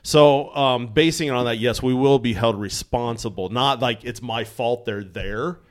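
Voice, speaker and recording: A man's voice: mid-range voice, normal speed. A man on a podcast answering a theology question, searching for words and repeating himself as he goes. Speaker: podcast co-host. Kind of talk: casual theological discussion.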